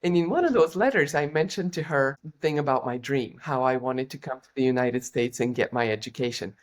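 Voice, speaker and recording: A woman's voice: a bass voice, fairly quick. A middle-aged woman from Bulgaria, a former Olympian and executive coach, telling her life story as a podcast guest in an earnest, reflective way. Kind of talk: interview storytelling.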